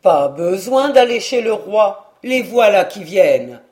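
A reader voicing a bold, boastful peasant lad in an audiobook, speaking in rough country dialect with loud exclamations. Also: medium pitch, very animated, takes it slowly. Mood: loud rustic. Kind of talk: audiobook reading.

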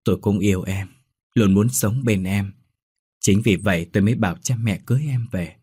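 A man's voice: fairly low pitch, normal speed, a little mellow, slightly rough, dry recording, clean studio sound. A man voicing the devoted ghost of a young husband who soothes his wife. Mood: tender. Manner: soothing, reassuring.

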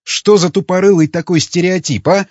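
Impassioned young male rebel, husky, accusing, voiced by a male reader; dry lo-fi sound. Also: high voice, normal speed, a little mellow, no echo, pitched above the performer's own voice. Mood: defiant. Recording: dull lo-fi recording.

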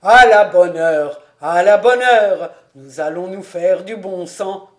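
Reader putting on an exuberant stout tax collector for an audiobook: booming, exclaiming, takes his time. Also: animated, takes it slowly, darkish tone. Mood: jubilant. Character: jovial stout middle-aged male tax collector. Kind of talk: audiobook character reading.

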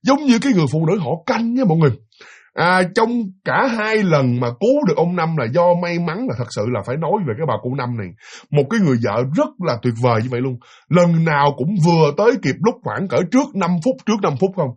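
A man narrating a ghost story in an animated, dramatic way, speaking directly to his listeners. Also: on the high side, fast talker, slightly rough.

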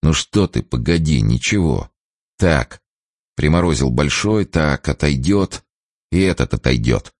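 Man playing a steady older brother. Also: a bass voice, unhurried, no echo, clean studio sound, heavily acted. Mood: reassuring. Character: concerned older brother, a doctor, calming. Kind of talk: audiobook character voice.

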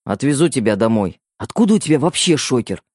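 A man's voice: medium pitch, big pitch swings, brisk, darkish tone, breathy edge, no room sound, studio quality. A man doing a terse irritated brother. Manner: terse, hissing. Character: stern young man, irritated older brother.

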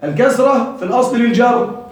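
A man's voice: very high-pitched, quick pace. A man teaching a classroom grammar lesson, quizzing his students and repeating their answers. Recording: very echoey room, voice from far off.

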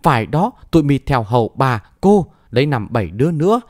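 A man's voice: medium pitch, sing-song, a little fast, a little mellow, no echo, studio quality, close to an everyday voice. A man doing a shrieking old owl queen. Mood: commanding. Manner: shrieking and scornful. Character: shrill scheming old female owl queen.

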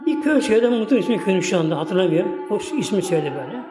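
A man's voice: high-pitched, sing-song, rapid-fire. A man preaching a religious talk in a mosque, telling folksy stories in a rambling way and repeating his address to the congregation again and again. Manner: keeps repeating "my esteemed ones" and "like this". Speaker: Islamic preacher. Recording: echoey hall with long reverb, faint music.

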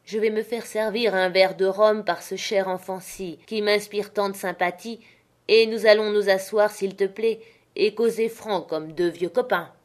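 A woman's voice: medium pitch, steady tone, measured pace, close to an everyday voice. A woman voicing a sly, menacing old male sailor who speaks with false friendliness. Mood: sly, coaxing.

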